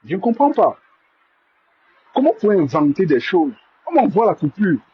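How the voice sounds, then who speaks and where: A man hosts a live stream and speaks to his viewers in a very husky, breathy, fairly high voice. He stammers, repeats words and sounds indignant and defensive. The sound is dry and muffled, like a phone mic close up. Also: sing-song, normal speed, no room sound.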